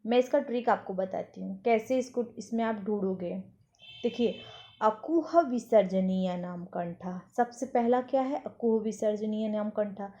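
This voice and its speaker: A woman teaches an exam-prep grammar lesson, explaining patiently, reciting rules slowly, and answering questions she asks herself. Her voice is on the high side, warm and steady in tone.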